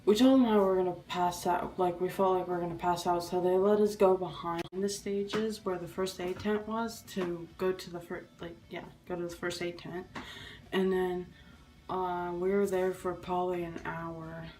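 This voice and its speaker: A young woman recounting a story in a casual vlog, her voice sitting on the lower side for a woman. She rambles excitedly, stops and restarts often, and fills gaps with "like" and "um". She sounds a little way off from the microphone. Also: moderate pace, recorded from a distance, faint music behind, poor audio. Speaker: vlogger.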